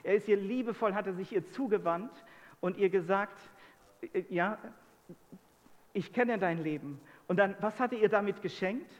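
A man with a high voice preaches a sermon, putting question after question to his listeners. His voice rings out with a long reverb in a church hall. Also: moderate pace, highs cut off. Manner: asks the congregation many rhetorical questions.

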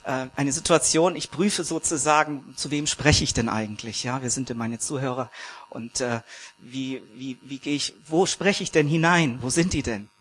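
A man's voice: mid-range voice, moderate pace, a bit bright. A man preaching a sermon to his congregation, earnest and searching, with fillers and restarts as he talks.

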